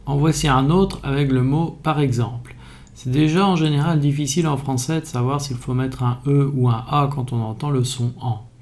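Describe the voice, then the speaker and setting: A man calmly explaining spelling in a video lesson, methodical and even. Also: medium pitch, normal speed. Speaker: French language teacher.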